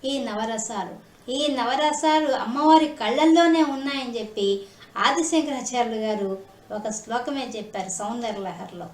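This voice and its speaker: A woman giving a devotional discourse, asking rhetorical questions and chanting verses slowly. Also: fairly high pitch, echoey room. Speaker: spiritual discourse speaker.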